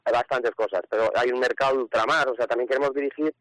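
A man, a village mayor interviewed on the radio, speaking haltingly with many restarts and repeated words. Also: mid-range voice, steady tone, a bit bright, dry recording, rough recording.

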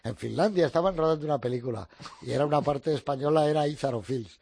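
Gravelly-voiced man telling anecdotes. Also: fairly high pitch, fast talker, darkish tone, no room sound. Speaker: journalist. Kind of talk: casual radio chat.

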